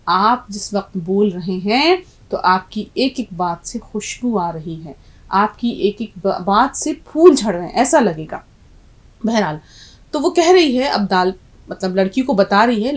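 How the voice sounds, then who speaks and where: A woman teaching an Urdu lesson, reciting a poem and slowly spelling out letters to her students. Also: medium pitch. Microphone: lesson video.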